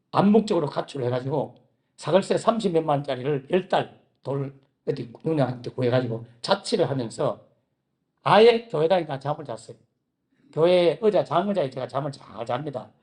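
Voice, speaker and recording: A man preaching a sermon in a Gyeongsang Korean accent, telling his own story with lively swings between quiet narration and loud, pleading outbursts. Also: fairly high pitch. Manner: animated storytelling, acting out his own past prayers with sudden loud outbursts. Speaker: pastor. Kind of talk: sermon with personal testimony.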